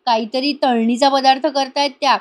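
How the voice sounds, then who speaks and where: A woman voicing a polite young granddaughter who gently pleads with her grandmother. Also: high-pitched, steady tone, brisk, natural voice. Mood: pleading.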